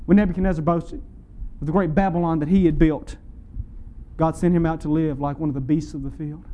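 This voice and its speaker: A man preaching a sermon in a high but mellow voice. He is earnest and emphatic, lifting his voice on key lines and slowing down to stress phrases. He speaks directly to the congregation. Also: steady tone, muffled recording. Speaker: pastor.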